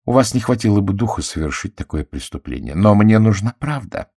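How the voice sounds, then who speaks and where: A man voicing a shrewd, courteous middle-aged detective who questions in a gentle, self-assured way, in an audiobook. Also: on the low side, animated, brisk, gravelly, no room sound, studio quality, voice pushed up. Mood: probing. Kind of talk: audiobook character voice.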